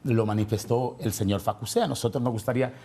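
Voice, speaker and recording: A man's voice: mid-range voice, steady tone, quick pace, darkish tone, a little hiss or hum. A man on a debate panel, talking in an insistent, argumentative way and repeating himself as he presses his point. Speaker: panel guest.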